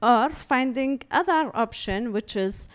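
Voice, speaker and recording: A woman from Palestine, an artist giving a public talk, speaking haltingly and searching for words with many fillers. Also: on the high side, animated. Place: talk room before an audience.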